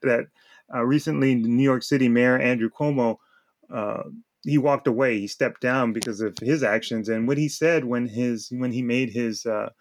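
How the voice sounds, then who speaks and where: A man co-hosting a sports talk show, delivering an emphatic opinion rant with repeated words and short laughs. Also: medium pitch. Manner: emphatic, repeats words while searching, laughs between points. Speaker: podcast co-host.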